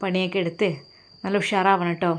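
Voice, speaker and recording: A woman's voice: lowish voice, flat delivery, fairly quick, lightly acted. A woman voicing a caring mother who speaks reassuringly.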